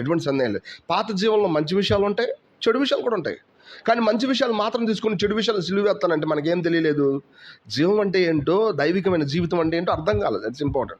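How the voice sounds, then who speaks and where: A man's voice: sits high, husky, muffled recording. A man preaching a sermon with fervent, rhetorical questions, dropping English words into his speech.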